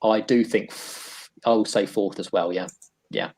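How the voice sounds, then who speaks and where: A man's voice: fairly low pitch, fairly even intonation, unhurried, a little mellow, a little hiss or hum. A man giving his football predictions in a casual chat, hesitant and full of restarts. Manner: hesitant, lots of restarts and hedging. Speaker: football pundit.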